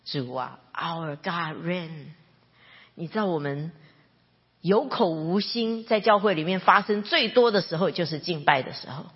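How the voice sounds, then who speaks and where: A middle-aged woman preacher telling a personal story in a sermon, emotional and jumping into high excited bursts. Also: unhurried, breathy edge. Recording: dull recording in a reverberant hall.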